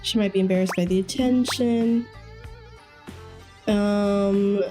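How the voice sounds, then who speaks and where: A woman's voice: medium pitch, steady tone, takes it slowly, music in the background. A woman streamer chatting casually as she reacts to a game, playful and offhand. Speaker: gaming streamer.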